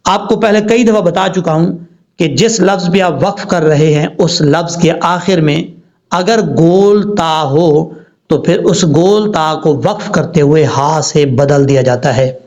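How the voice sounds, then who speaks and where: A man teaching Quran recitation rules with a Pakistani Urdu accent, spelling out words slowly, letter by letter. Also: a little high, a little mellow. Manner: slow, deliberate letter-by-letter spelling. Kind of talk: spelling-out tajweed lesson. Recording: dull lo-fi recording.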